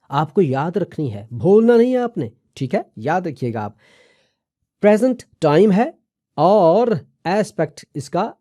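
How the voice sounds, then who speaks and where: A man teaching an English lesson by video, patiently repeating key terms slowly and reminding viewers to remember them. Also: on the high side, dark tone. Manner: reassuring, asks viewers to remember.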